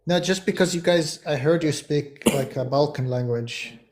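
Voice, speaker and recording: A man's voice: a little high, moderate pace. A man hosting a livestream, asking questions in a casual, hesitant way with frequent fillers. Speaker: livestream host. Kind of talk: casual chat.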